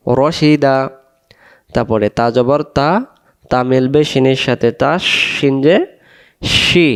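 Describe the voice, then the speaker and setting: Male reading teacher, slow and patient, smooth clear voice, drills syllables for learners to repeat. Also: mid-range voice. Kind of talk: slow letter-by-letter recitation lesson.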